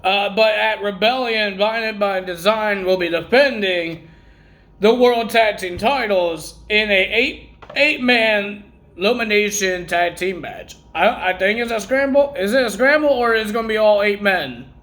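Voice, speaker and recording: A man's voice: sits high, measured pace, a bit bright. A man recapping wrestling results in a casual vlog, rambling and correcting himself while he has the hiccups.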